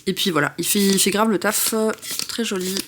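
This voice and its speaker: A young woman chatting casually about tarot decks, excitable and full of fillers and self-interruptions. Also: mid-range voice, brisk, noisy background. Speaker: tarot vlogger. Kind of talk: casual chat.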